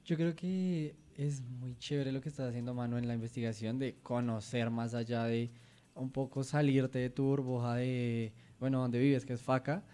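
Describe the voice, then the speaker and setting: A man co-hosting a podcast, talking in a relaxed way and repeating words while he searches for the next one. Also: medium pitch, clean tone. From Colombia. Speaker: podcast co-host. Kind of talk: casual radio chat.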